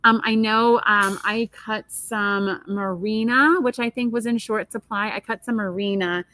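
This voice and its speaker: A woman's voice: mid-range voice, fairly even intonation, a little slow, bright, forceful tone, no room sound. A woman co-hosting a casual live stream, chatting and answering viewer questions. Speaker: co-host of a quilt shop live show.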